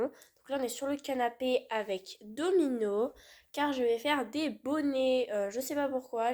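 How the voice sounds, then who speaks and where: A vlogger with a cold chats from her living-room sofa while working on a craft project for a casual crafting vlog. Her voice is a little high and a little mellow, and she's chatty but hesitant, using lots of fillers.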